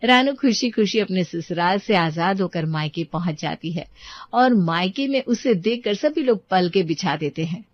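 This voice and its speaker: A woman's voice: on the low side, lively intonation, normal speed, dry recording, highs cut off. A woman narrating a family story as the storyteller.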